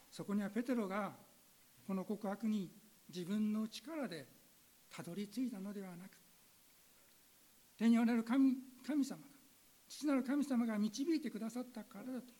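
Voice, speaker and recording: A woman's voice: mid-range voice, dark tone, poor audio. A woman pastor giving an earnest sermon that asks her listeners direct questions, then leading a spoken prayer.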